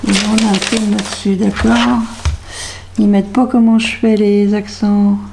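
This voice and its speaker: Here a craft vlogger from France talks herself through testing a label maker, unsure and confused as she murmurs under her breath. She speaks unhurriedly in a mid-range, fairly flat voice that is creaky and a little mellow, over faint background noise.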